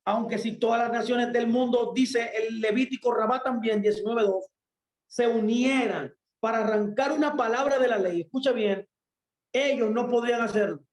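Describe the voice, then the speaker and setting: A man's voice: very high voice, normal speed, reverberant, poor audio. A man preaching a sermon in an emphatic way, putting questions to himself and answering them.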